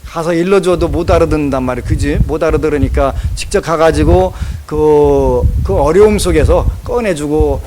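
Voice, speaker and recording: A man giving a Buddhist dharma talk in a temple hall, folksy and lively, acting out scolding asides. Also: fairly high pitch, normal speed, few pauses, background noise. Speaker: monk preacher.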